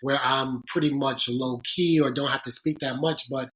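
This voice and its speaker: Here a man answers podcast questions about his sports-agent career, his storytelling earnest, thoughtful, and full of stops and restarts. His mid-range voice holds a steady, slightly bright tone, heard through a rough recording.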